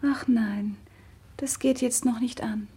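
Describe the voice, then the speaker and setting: An actress playing a modest, innocent young girl in a 1950s German radio drama, speaking gently and shyly. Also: on the high side, fairly even intonation, takes it slowly, slightly rough, exaggerated voice. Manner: gentle, shy, soft-spoken.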